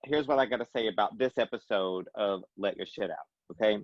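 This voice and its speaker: A man's voice: fairly low pitch, no room sound, muffled recording. Joking man hosting a podcast. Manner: joking, rambling, quick bursts. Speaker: podcast host. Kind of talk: casual chat.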